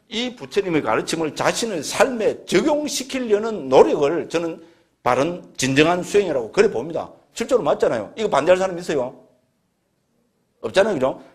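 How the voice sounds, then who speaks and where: Husky monk lecturing. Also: male voice, fairly high pitch. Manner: keeps asking the audience rhetorical questions; plain-spoken, folksy and earnest. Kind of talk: Buddhist scripture lecture.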